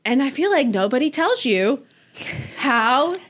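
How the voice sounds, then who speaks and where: A woman in her thirties, a podcast guest, telling her story in a casual, animated way and laughing often. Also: high voice, measured pace. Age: 30s.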